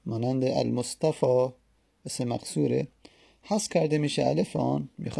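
A man with a heavily gravelly, creaky voice and a dark, mellow tone talks through a grammar lesson. He is patient and repeats words slowly and stretches them out. His voice is a bit husky, and the room sounds dry and close. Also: mid-range voice, no echo. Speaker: teacher. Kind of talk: explaining Arabic grammar lesson.

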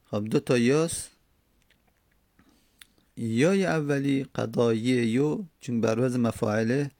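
A man lecturing on Arabic grammar, explaining each step and repeating words slowly to drill them. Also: mid-range voice, a little mellow, no echo, studio quality. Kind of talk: classroom lecture on Arabic morphology.

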